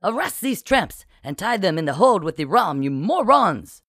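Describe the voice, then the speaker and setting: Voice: mid-range voice, very animated, moderate pace, breathy edge, no echo, clean studio sound. A narrator doing a blustering British pirate captain. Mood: furious.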